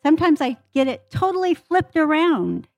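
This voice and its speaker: A woman's voice: sits high, big pitch swings, normal speed, no echo, soft background music. A woman in her forties sharing an earnest testimony about her mother in church, quoting scripture. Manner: earnest, warm storytelling with scripture quotes. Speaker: church member giving a testimony.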